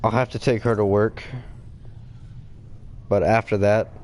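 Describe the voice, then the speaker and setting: A man's voice: on the low side, flat delivery, a little slow, darkish tone, slight background noise. A man giving casual, offhand commentary as he plays a fighting game. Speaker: gamer playing through a fighting game. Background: faint game music.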